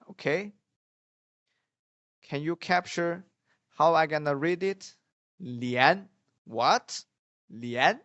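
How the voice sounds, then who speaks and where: A man teaching beginners pronunciation, drilling sounds patiently and often saying example syllables loudly. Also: medium pitch, no echo. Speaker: Mandarin teacher. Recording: dull lo-fi dry sound.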